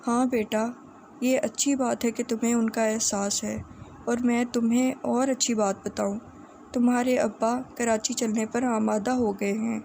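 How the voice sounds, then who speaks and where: Brief: woman voicing a gentle older uncle, mellow and warm-toned. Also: a little high, flat delivery, vocal fry, slight background noise. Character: older man, kindly fatherly uncle.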